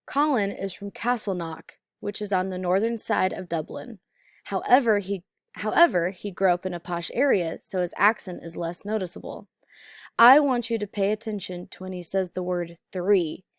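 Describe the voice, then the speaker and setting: A woman's voice: medium pitch, moderate pace, no room sound. Dry, close-miked woman teaching pronunciation. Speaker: accent teacher. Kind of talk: instructional narration.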